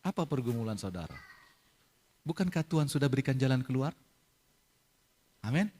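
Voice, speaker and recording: A middle-aged man preaching a sermon as pastor, moving from soft, confiding storytelling to loud, emphatic proclamation. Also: mid-range voice, lively intonation, moderate pace.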